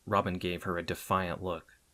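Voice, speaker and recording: A man narrating an adventure audiobook in a measured way, softening at the ends of phrases. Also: low-pitched, little pitch movement.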